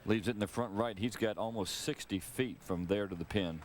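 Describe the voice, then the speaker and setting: A man's voice: fairly low pitch, fairly quick. A man giving analytical live golf commentary as a broadcast analyst. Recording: noisy outdoor broadcast on VHS tape.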